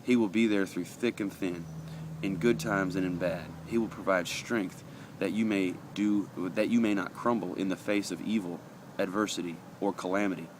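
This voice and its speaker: With faint traffic humming behind him, a man whose voice is very low goes through a casual devotional, reading passages and talking earnestly, often halting on fillers. A little allergy sniffle comes through. He speaks at normal speed with fairly even intonation.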